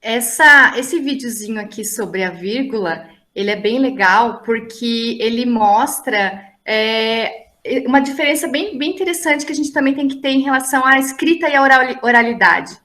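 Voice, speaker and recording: A woman's voice: fairly high pitch, normal speed, few pauses, sharp tone. A woman teacher explaining a lesson over a video call, chatty and full of tag questions and fillers. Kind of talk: online class explanation.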